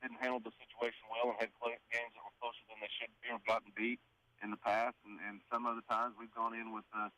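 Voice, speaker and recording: A man, a high school baseball coach, being interviewed and hesitating with many fillers. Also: flat delivery, fast talker, pushed and bright, low-quality recording. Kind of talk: phone-in interview.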